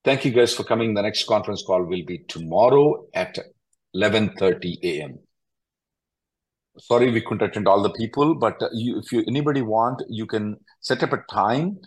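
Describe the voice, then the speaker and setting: The audio is poor, but you can hear a man with a lowish voice talking at normal speed. He's an immigration attorney running a call-in Q&A, giving callers blunt answers, interrupting, and repeating himself a lot.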